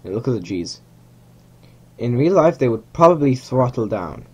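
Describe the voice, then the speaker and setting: A young native Hungarian speaker casually narrates a game rocket launch at home in a small room, rambling, correcting himself and chuckling. His mid-range voice is a little mellow and husky, swinging widely in pitch at a normal speed, and the recording sounds muffled.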